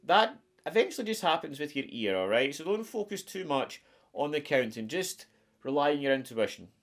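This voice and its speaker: A man's voice: on the high side, sing-song, moderate pace. A middle-aged man with a broad Scottish accent, giving a casual guitar lesson to camera. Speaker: guitar teacher. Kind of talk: casual instructional talk to camera. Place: small attic home music room, indoors. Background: electric guitar playing.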